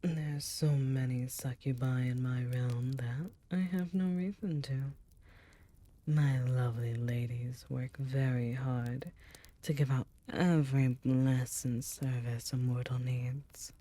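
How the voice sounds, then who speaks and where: With an exaggerated voice, a woman takes on the role of an ancient succubus queen of demons in an intimate ASMR roleplay. The tone is very deep, dark and mellow, frequently sinking to soft, breathy whispers, and she speaks slowly in a tender, teasing, remorseful way.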